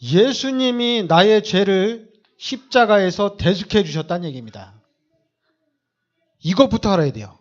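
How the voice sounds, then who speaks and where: Emphatic preaching man, high lively voice. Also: normal speed, pauses often, highs cut off. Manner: emphatic, repetitive preaching with rhetorical questions. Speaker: pastor. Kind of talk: sermon.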